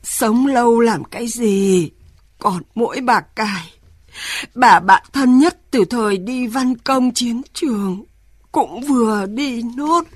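An actress playing a lonely eighty-year-old mother in a radio drama, speaking slowly and plaintively with a husky voice. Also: on the high side, no echo, clean studio sound. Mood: resigned. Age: 80s. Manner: slow, plaintive, tearful.

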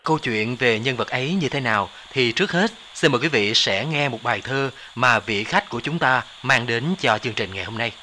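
A man's voice: mid-range voice, fairly quick, hardly any pauses, sharp tone, a little hiss or hum, natural voice. A man hosting a radio program with formal announcing. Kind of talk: scripted broadcast hosting. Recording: faint music behind.

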